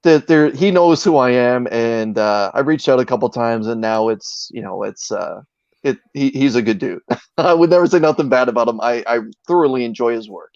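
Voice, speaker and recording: A man's voice: mid-range voice, moderate pace, a little mellow, no room sound. A man as an interview guest, telling anecdotes in a casual, earnest way and often searching for his words. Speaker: interview guest, video creator. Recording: dull, dry lo-fi sound.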